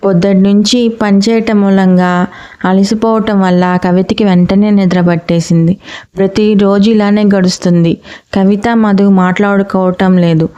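A woman's voice: mid-range voice, mellow, clean tone. A woman reading a family drama story aloud, speaking each character's lines in her own voice. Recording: muffled lo-fi recording.

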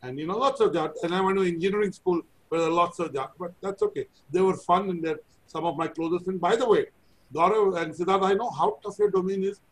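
Interview host: middle-aged man, Indian accent, high-set voice, conversational and anecdotal. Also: fast, poor audio. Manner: chatty, anecdotal, self-deprecating. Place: indoor room, video call. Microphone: video call.

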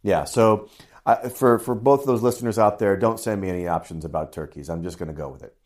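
A man's voice: lowish voice, quick pace, a little mellow. A middle-aged man, a priest co-hosting a podcast, talking in a casual chat with dry, wry humor. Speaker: priest co-host.

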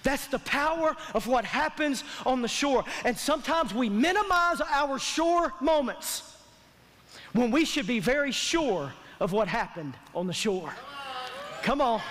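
On a large church auditorium stage indoors, a man preaches as a pastor, his sermon emphatic, colloquial and repetitive, calling for the congregation's response. He has a very high voice with a fairly bright tone, and long hall reverb from the stage sound system colors the recording.

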